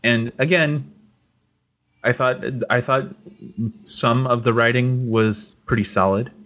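A man's voice: medium pitch, fairly even intonation, slow pace, fairly bright tone, muffled recording. A man co-hosting a podcast in casual chat, rambling with restarts and fillers. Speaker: podcast co-host.

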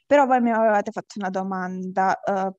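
A woman with a Calabrian accent from southern Italy talks casually as an interview guest, in a halting way, repeating phrases and losing her thread. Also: mid-range voice, a little mellow, no room sound, muffled recording. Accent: Calabrian, southern Italian. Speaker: interview guest, patient advocate with an awareness page.

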